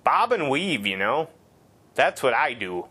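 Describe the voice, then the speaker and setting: A man's voice: medium pitch, very animated, a little slow, pushed and bright, slightly rough. A man giving casual gameplay commentary, rambling and sarcastic with heavy swearing.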